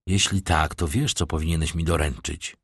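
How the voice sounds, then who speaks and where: A man's voice: a bass voice, fairly even intonation, moderate pace, breathy edge, dry recording, clean studio sound, full character voice. A man voicing a brave, stern young male guard in an audiobook, speaking in a firm, commanding way.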